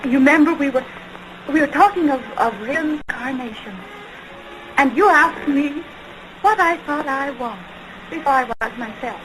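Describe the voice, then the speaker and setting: A woman playing an anguished, lovelorn woman in an early talkie film melodrama, pleading in halting, drawn-out phrases. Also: sits high, a little hiss or hum, rough recording. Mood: wistful. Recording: 1920s film soundtrack with loud music.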